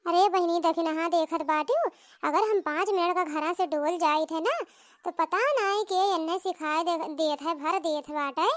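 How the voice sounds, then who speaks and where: A woman's voice: very high-pitched, fairly even intonation, moderate pace. A woman voicing a quarrelsome rural mother-in-law in a comedy cartoon, wailing and scolding theatrically.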